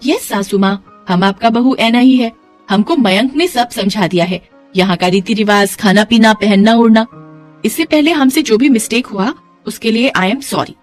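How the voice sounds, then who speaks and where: A woman's voice: on the high side, normal speed, soft background music, natural voice. Woman doing a naive bride. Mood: polite. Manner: cheerful, naive, broken grammar. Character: foreign young bride speaking broken Hindi.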